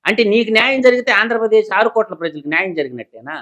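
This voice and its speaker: A man, a political analyst who delivers heated commentary through rapid, combative rhetorical questions. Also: sits high, animated, pushed and bright, dull audio.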